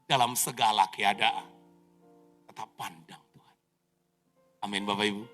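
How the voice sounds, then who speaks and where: A man in his thirties preaching an animated sermon as pastor, telling stories dramatically with sound effects and jokes, in a reverberant church hall. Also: on the low side, a little slow, faint music behind.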